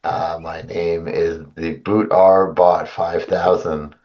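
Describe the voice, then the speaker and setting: A courteous flying robot, voiced by a man at the gaming table, speaking in a measured, formal way with dry wit. The voice is very deep. The sound is muffled and lo-fi. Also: little pitch movement. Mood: formal wry. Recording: dull lo-fi audio.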